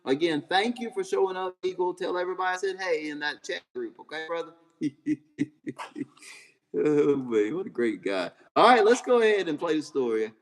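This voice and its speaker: Male stream host, lively pitch, casual chat, long hall reverb. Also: moderate pace. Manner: chatty and friendly, thanks listeners by name.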